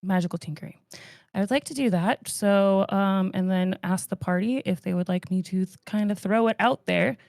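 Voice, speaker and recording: A woman's voice: medium pitch, normal speed, vocal fry, a little mellow, dry recording, clean studio sound. A woman playing in an online tabletop game, asking questions and laying out tactics in casual chat. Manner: asks questions and plans tactics.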